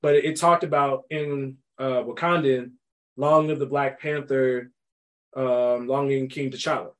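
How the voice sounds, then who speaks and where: A young man hosting a casual podcast about a movie, talking in an animated, emphatic way and laughing often. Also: mid-range voice, measured pace. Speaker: podcast host.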